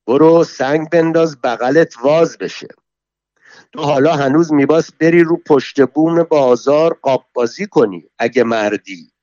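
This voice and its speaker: A foul-mouthed, quarrelsome middle-aged woman, put on by a male reader, scolding and hurling insults in a loud, fierce voice. The recording is dull and lo-fi, in a dry room with no echo. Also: a little high, close to an everyday voice. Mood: furious. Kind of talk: dramatic story reading.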